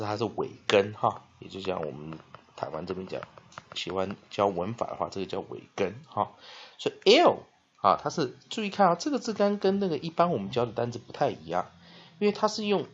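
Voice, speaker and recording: Animated Taiwanese male English teacher. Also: fairly low pitch, husky. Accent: Taiwanese Mandarin. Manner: spells out letters, repeats words slowly, frequent "ah" fillers. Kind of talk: classroom-style vocabulary lesson. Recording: dull lo-fi recording.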